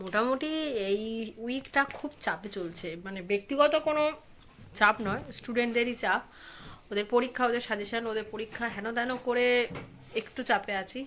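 A young mother records a casual home vlog in a high, bright voice. She coaxes her little one in a sing-song way, then chats to viewers more quietly and lower. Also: normal speed, slight background noise. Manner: coaxing sing-song talk to a toddler; quieter, lower chatty narration. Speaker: vlogger and mother.

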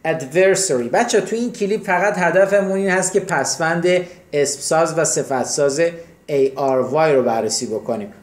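A man's voice: a little high, echoey room. A man teaching English vocabulary, explaining each word step by step and asking questions that he then answers himself. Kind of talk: vocabulary lesson.

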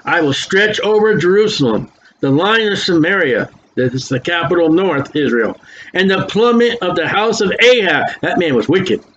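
A man's voice: sits high, animated, a bit bright. An older man preaching, reading scripture aloud with emphatic, folksy commentary, his s sounds whistling through dentures. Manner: emphatic, folksy asides between slowly read verses. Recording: dull lo-fi recording with faint noise.

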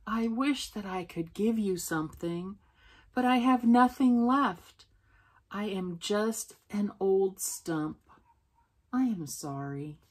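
A tender, generous tree from a children's storybook, voiced by a woman reader. She speaks slowly and earnestly, always inviting and giving. Her voice has a soft, breathy grain. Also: mid-range voice, animated. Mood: apologetic, sad. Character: loving, self-giving female tree, eager then weary. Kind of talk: children's storybook character reading.

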